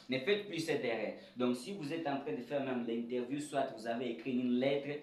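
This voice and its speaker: A man teaching an English lesson at a board in a lively, questioning way, drilling words aloud. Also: mid-range voice, a little hiss or hum. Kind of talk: whiteboard lesson for French speakers. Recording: echoey room, voice a bit far from the mic.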